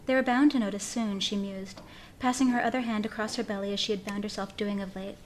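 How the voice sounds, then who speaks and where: A woman reading a piece of fiction aloud in an expressive, dramatic storytelling manner. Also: mid-range voice, fast, a little hiss or hum. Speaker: story reader.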